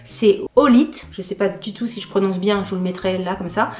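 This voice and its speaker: A woman's voice: medium pitch, fairly quick, reverberant. A woman vlogger chatting through an unboxing, candid and gushing, often stumbling over repeated words. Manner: gushing excitement. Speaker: lifestyle vlogger. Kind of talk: casual unboxing chat.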